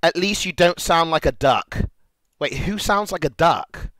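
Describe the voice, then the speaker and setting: A young man chats casually on a livestream, rambling and swearing with an easy, giggly energy. His voice is bright and sits a little high, moving around a lot in pitch. The sound is close and dry. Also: measured pace, no echo. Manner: excitable, profane, rambling, giggly. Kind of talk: casual livestream reaction chat.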